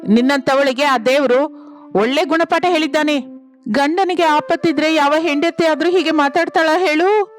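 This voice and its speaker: Fierce scolding young wife in a storybook tale, a woman voicing her, high-pitched. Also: normal speed, close to an everyday voice. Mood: angry.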